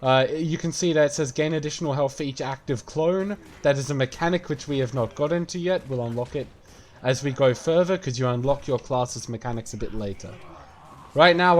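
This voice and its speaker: A game streamer casually explains a game as he plays, rambling and swearing along the way. His medium-pitched voice moves at a moderate pace over a little hiss or hum.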